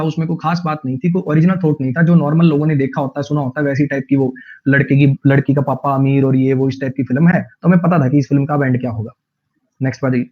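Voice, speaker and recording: Over an online class stream, a man teaches English vocabulary to students, repeating words many times and drawling his English example sentences. His voice is on the high side and the audio sounds dull.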